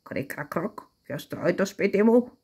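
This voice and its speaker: A wicked old witch who croaks in a low, menacing voice, as a woman reads her out. The voice is husky. It is from a children's storybook read aloud. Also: animated, darkish tone.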